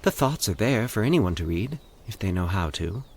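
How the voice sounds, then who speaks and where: In a fairly low pitch, a man portrays a calm, eerie woman who communes with the dead for an audio horror piece. He keeps a soothing, measured monotone, and the mood is solemn and intense.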